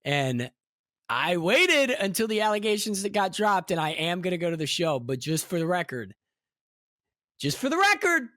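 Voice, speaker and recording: A young man with a high-pitched voice co-hosts a podcast, speaking at normal speed in a dry, clean studio recording. The chat is casual, and he's animated and jokey, slipping into mock voices for laughs.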